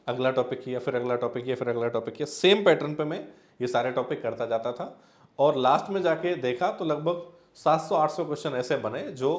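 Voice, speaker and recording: Man teaching exam prep in an echoey room. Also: medium pitch. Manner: conversational, explains with repeated examples and fillers. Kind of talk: explanatory exam-prep talk.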